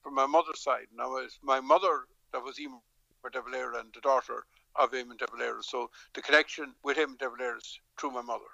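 A middle-aged politician from Dublin, Ireland, talks in a remote interview with a storytelling manner, often hesitating and restarting. His mid-range voice is gravelly and sharp, quick-paced, and fairly even in intonation. The recording is dry and muffled.

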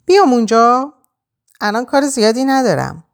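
A woman narrator voicing an excitable, chatty female friend who gushes eagerly. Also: on the high side, voice pushed up. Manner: gushing, eager.

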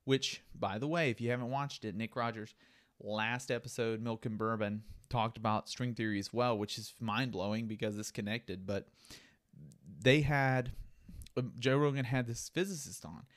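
A man's voice: mid-range voice, normal speed, a bit bright. A man hosting a solo podcast, rambling casually while drinking beer and musing aloud. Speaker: podcast host.

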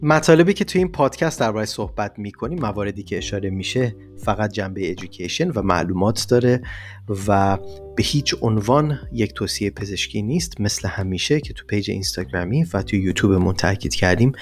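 A man with an Iranian Persian accent and a fairly low voice talks as a podcast host. He explains in a deliberate, emphatic manner, with faint music behind him. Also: lively intonation. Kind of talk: explanatory solo podcast talk.

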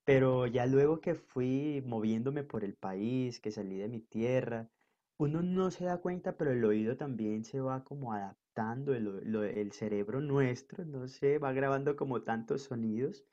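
A man's voice: mid-range voice, normal speed, warm tone, muffled recording. A man from northern Colombia with a mixed Colombian accent, a podcast guest talking in an earnest, reflective way. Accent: Colombian, mixed coastal. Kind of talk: casual conversation.

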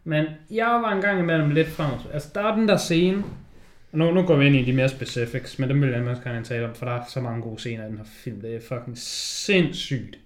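A man co-hosting a casual film discussion, swearing freely and acting out scenes in quick quoted voices. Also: mid-range voice. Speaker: podcast co-host. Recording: roomy echo.

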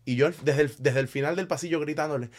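A man's voice: a little high, fast talker, dry recording. A young man, telling a party story in casual chat and acting out what people said. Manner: animated, acts out quotes.

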